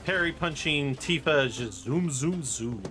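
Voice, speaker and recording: A man with a slightly high, expressive voice, speaking a little slowly, narrates a video game speedrun on a livestream with casual, playful commentary. He sometimes breaks into goofy rap-style chanting and sound syllables over the game music and sound effects.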